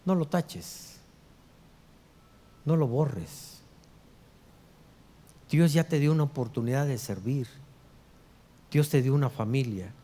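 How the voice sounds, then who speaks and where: A middle-aged man, a pastor preaching a sermon, dropping to hushed low lines and rising for loud quoted voices. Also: slow, pauses often. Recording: long hall reverb.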